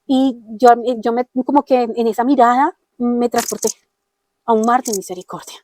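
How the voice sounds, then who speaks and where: A woman's voice: fairly high pitch, steady tone, normal speed, a little mellow. A woman with a Colombian accent giving an earnest personal testimony, often acting out the dialogue she quotes. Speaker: interviewee telling her testimony.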